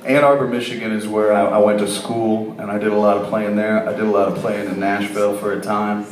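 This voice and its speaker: Man, musician guest, slow storyteller, roomy studio, off mic. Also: lowish voice, level tone, far from the mic. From Ohio. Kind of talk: radio interview.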